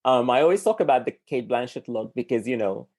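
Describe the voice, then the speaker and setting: A man's voice: mid-range voice, animated, quick pace, darkish tone. A man hosting a podcast, talking about a film in a casual, thinking-aloud way with many fillers. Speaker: podcast host.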